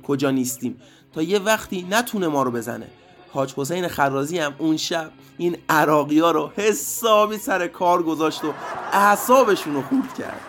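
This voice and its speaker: A man narrating a story for children, lively and addressing the kids directly. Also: a little high. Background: faint music.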